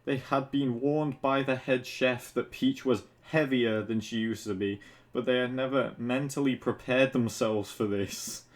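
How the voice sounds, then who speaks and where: Reading fan fiction for an online video, this narrator keeps a medium-pitched, steady and unhurried voice. He interrupts himself with informal, mocking asides and a bit of swearing.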